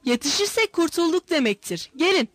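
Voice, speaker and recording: A woman's voice: extremely high pitch, sing-song, fairly quick, no room sound, voice pushed up. A woman voicing a harsh, bitter male Danish gold seeker in a read-aloud story, curt and scornful. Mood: shouting.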